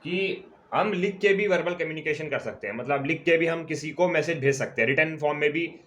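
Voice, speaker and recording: A man teaching a commerce lecture at a board, explaining terms step by step and stretching key words out slowly. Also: a little high, a bit bright. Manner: repeats key terms slowly, checks in with "ठीक है". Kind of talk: classroom lecture.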